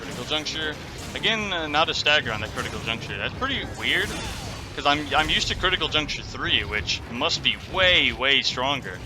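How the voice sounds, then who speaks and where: A man's voice: on the high side, expressive, normal speed, music in the background. A man giving casual, opinionated commentary as he plays a video game, with some loose swearing. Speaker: gaming video host. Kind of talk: casual game commentary over live play.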